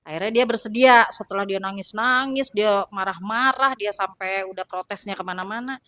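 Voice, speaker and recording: A woman recounting her time as a flight attendant in a casual, halting way with many fillers. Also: medium pitch, a bit bright, no echo. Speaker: former flight attendant guest. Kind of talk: casual storytelling.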